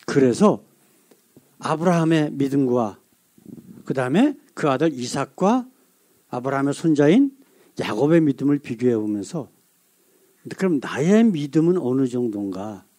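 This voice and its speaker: A male pastor delivering a sermon, asking the congregation rhetorical questions and reading scripture aloud slowly. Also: mid-range voice, sing-song, mellow.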